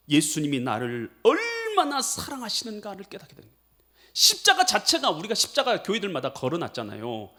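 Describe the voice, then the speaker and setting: A man preaching a sermon as pastor, swinging between loud pleading outbursts and low, hushed passages. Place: church sanctuary.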